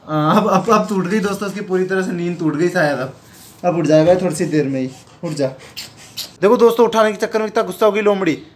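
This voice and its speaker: A man's voice: sits high, fast. A man vlogging at home on a handheld camera, coaxing and teasing his dog in a playful, chatty way. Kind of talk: casual pet vlog narration. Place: home, indoors.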